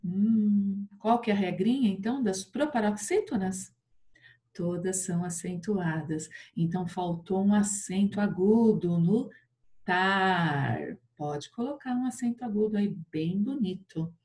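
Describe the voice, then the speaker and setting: A Brazilian primary school teacher leads an online Portuguese lesson for fourth graders in a mellow, mid-range voice. She explains patiently in a drawn-out, sing-song manner, checking in constantly with tag questions.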